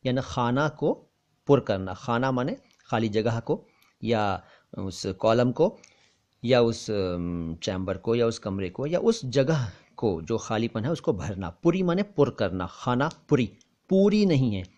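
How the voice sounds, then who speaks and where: Male language tutor, even-pitched, careful and repetitive, explanatory lesson delivery. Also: muffled recording. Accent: Hindustani with careful Urdu pronunciation. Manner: careful, repeats words slowly for contrast. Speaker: language teacher.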